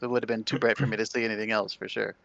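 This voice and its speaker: A man's voice: on the low side, level tone, very fast, gravelly, a bit bright, no room sound. A man at a tabletop game, talking casually and rambling a little as he thinks aloud. The sound is dry and slightly muffled. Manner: hesitant, rambling. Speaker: player.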